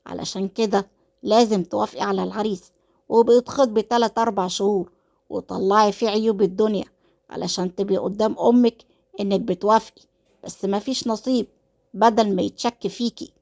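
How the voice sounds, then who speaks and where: A woman's voice: medium pitch, steady tone, brisk, creaky, darkish tone, natural voice. A woman voicing a cold, manipulative husband with an Egyptian accent, talking in a cool, dismissive way. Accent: Egyptian Arabic.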